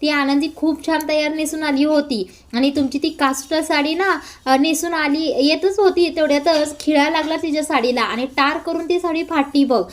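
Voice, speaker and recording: A woman's voice: high voice, fairly even intonation, moderate pace, few pauses, natural voice. A woman voicing a scheming older male villain in a serial recap, with a taunting, menacing manner. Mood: coaxing.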